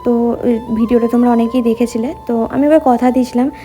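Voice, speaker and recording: Brief: high-pitched woman, casual home vlogger, talks to viewers, soft music underneath. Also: steady tone, fast. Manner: chatty, addresses viewers directly. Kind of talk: casual home vlog chat. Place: at home, indoors.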